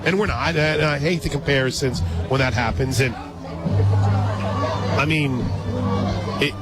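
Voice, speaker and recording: Speaking slowly at a medium pitch, this man does live radio play-by-play from an outdoor ballpark booth and chats casually between calls. A loud crowd and music can be heard behind his voice.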